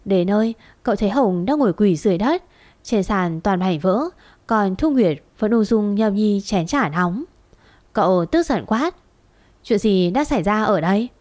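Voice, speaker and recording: A woman storyteller narrating a romance story in a steady, even manner. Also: medium pitch, normal speed.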